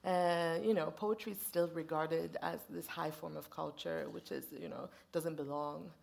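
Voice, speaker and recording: A woman's voice: deep voice, fairly even intonation, moderate pace, gravelly, a little mellow. A woman interviewing a poet, asking careful questions with hesitant phrasing and many fillers. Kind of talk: conversational interview.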